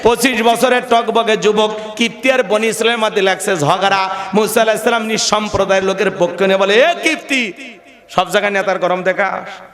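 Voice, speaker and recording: A high-voiced male preacher delivers a dramatic sermon, slipping into the voices of the people in his stories. He keeps turning to the crowd for responses. The sound rings with echo and a long trailing reverb. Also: flat delivery, a little fast, a bit bright. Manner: dramatic, acts out characters in his storytelling; addresses the crowd directly and asks for responses. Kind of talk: Bengali waz sermon storytelling. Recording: echoey venue with long reverb.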